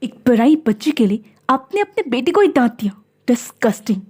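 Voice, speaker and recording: A woman's voice: fairly high pitch, very animated, moderate pace, a little mellow, breathy edge. A woman voicing a haughty, scornful middle-aged mother in a storybook. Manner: cold, scornful.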